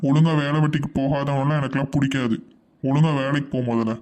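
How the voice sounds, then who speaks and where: A man's voice: mid-range voice, steady tone, fast, darkish tone, a little hiss or hum, natural voice. A man voicing a strict, hot-tempered young husband in a Tamil cartoon, with a stern, scolding way of talking. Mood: grumpy.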